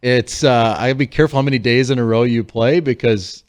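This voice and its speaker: A man's voice: medium pitch, fairly even intonation, a little fast. A man in his forties hosting a golf show, friendly and chatty as he moves between segments. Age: 40s. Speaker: podcast host.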